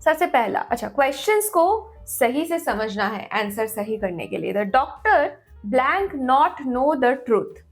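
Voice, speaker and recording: A woman teaching English grammar, saying example sentences slowly and then explaining each one. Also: on the high side, very animated, faint music behind. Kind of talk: bilingual grammar lesson.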